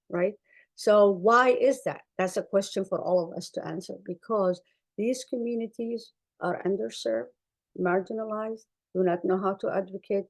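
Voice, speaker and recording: The recording is low quality, carrying a woman's creaky, darkish, mid-range voice as she presents a conference talk with slides. An earnest clinician from Somalia with Arabic as her first language, she is emphatic and repeats phrases for stress.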